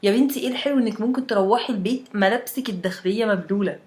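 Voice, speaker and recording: A woman's voice: mid-range voice, racing, darkish tone, natural voice. A woman voicing a wry, chatty young Egyptian woman from Alexandria who tells a friend about winter.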